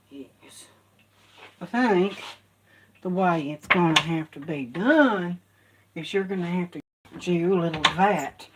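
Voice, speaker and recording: A woman's voice: fairly low pitch, heavy background noise. Rambling woman cooking at home. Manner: rambling, repetitive folksy self-talk. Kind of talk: casual cooking commentary. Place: home kitchen.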